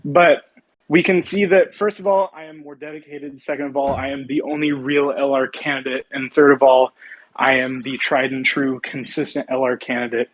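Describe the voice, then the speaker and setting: A man's voice: medium pitch, little pitch movement, moderate pace, poor audio. A young man delivers a campaign speech in an online debate. He has a mid-range voice and speaks assertively, stressing his points as a candidate would.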